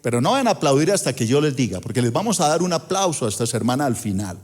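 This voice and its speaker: A man's voice: mid-range voice, big pitch swings, fast, a little mellow. A male pastor preaching a sermon in a church auditorium, acting out dialogue with rising and falling emphasis. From Colombia. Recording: long hall reverb.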